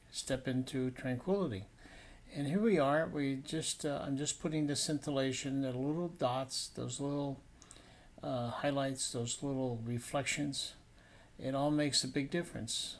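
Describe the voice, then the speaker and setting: A man with a medium-pitched voice narrates a painting demonstration as the instructor. His explanation is informal and somewhat hesitant.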